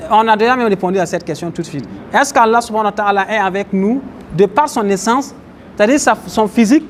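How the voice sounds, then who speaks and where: In a mosque, with faint traffic audible from outside, a male Islamic teacher leads a religious class, explaining Arabic terms and posing questions to his listeners. His voice sits high, and there is slight background noise.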